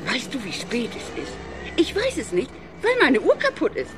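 A woman's voice: on the high side, huge pitch swings, moderate pace. A woman playing a nosy, chattering neighbor lady in a radio play, who repeats every question and answers it herself. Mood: fussy, chattering. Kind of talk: 1970s radio play acting. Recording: noisy old vinyl record.

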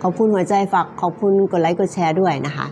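A woman teaching English pronunciation, repeating phrases word by word and then explaining them quickly, with frequent polite particles. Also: on the low side, mellow, a little hiss or hum. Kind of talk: live-streamed pronunciation lesson.

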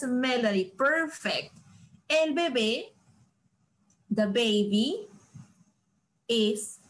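Woman teacher for an online lesson, a little high-pitched, slow and deliberate, playful and expressive, models each sentence carefully. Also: poor audio. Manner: slow, drawn-out modeling of example sentences, asks students questions. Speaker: English teacher. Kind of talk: live online English lesson.

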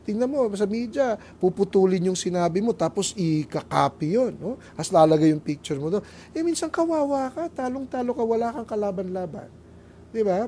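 Animated Filipino lay preacher. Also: male voice, high voice, slight background noise. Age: middle-aged. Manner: animated storytelling, acting out voices, mixing English phrases.

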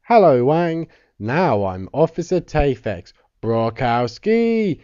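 A man mimicking his friend as a stiff, deadpan, pompous young man. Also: mid-range voice, slow, smooth, no room sound, highs cut off, pitched below the performer's own voice.

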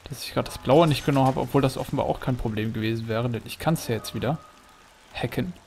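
A man's voice: mid-range voice, quick pace, darkish tone, a little hiss or hum. A man giving casual, joking commentary as a let's play host, chatting away and humming along.

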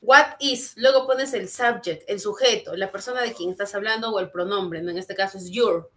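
A woman's voice: medium pitch, moderate pace, fairly bright tone. A woman teaching English in an online class, explaining patiently and checking in with her students through frequent tag questions. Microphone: computer mic on video call.

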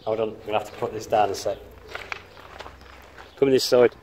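A man's voice: lowish voice, fairly even intonation, a little fast, a little mellow, slight background noise. A man filming by a canal, chatting and teasing with a laugh in his voice, recorded on a handheld camera outdoors. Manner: jokey, laughs often, teasing. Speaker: cameraman and magnet fishing partner. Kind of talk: casual outdoor banter.

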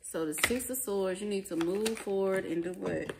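Seated at a table in a small indoor living room, a tarot reader speaks at normal speed in a mid-range voice, giving an informal reading. Her conversational style is blunt, emphatic, profane, and colloquial, and the home recording is clearly noisy, with audible card clicks.

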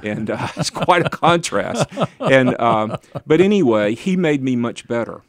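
The older pastor and author speaks a little slowly with lively intonation in a mid-range voice, captured in a clean studio with no room sound. He tells rambling, self-deprecating stories with chuckling asides as an interview guest.

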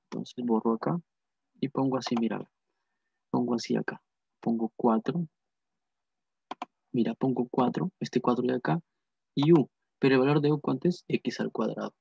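A man's voice: mid-range voice, vocal fry, darkish tone, a little hiss or hum. A man teaching a math lesson, repeating phrases and asking and answering his own questions. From Peru. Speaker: math tutor. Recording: dull lo-fi dry sound.

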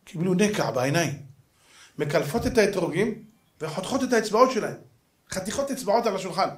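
A man, a rabbi giving a dramatic Torah lesson in slangy everyday talk, acting out the characters of his story. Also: animated. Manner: dramatic storytelling, acts out characters with swings of pitch and loudness; slangy, colloquial street Hebrew.

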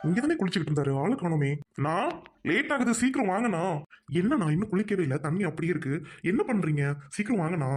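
A woman voicing an earnest young man who speaks softly and respectfully in an amateur skit. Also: lowish voice, expressive, quick pace, over music, lightly acted. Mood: impatient. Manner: soft, respectful.

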